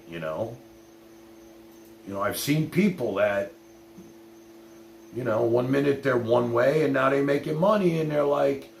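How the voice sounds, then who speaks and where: Casually chatting on a livestream, a middle-aged man tells his viewers personal stories in blunt, wandering fashion, sprinkling in swearing and "you know." His mid-range voice is creaky with a darkish tone, heard through roomy echo, faint hum, and noise.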